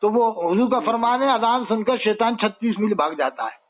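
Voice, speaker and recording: A man's voice: high voice, normal speed. A man, an Islamic scholar, arguing a religious point with rhetorical questions and recited Quranic Arabic. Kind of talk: religious debate chat. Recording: tinny phone-like line.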